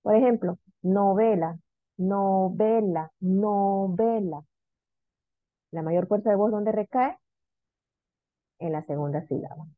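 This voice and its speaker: A woman teacher giving an online lesson, drawing out example words slowly as she repeats them. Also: mid-range voice, lively intonation, no echo. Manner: slow, drawn-out repetition of example words. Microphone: video call. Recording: dry, phone-like video call audio.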